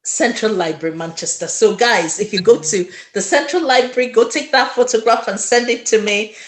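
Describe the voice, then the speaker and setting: A woman's voice: a little high, normal speed. Woman hosting an online chat, gushing and praising, talking to viewers, roomy echo on the call. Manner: effusive, praising, addresses audience directly. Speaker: host. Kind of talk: online interview. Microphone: video call.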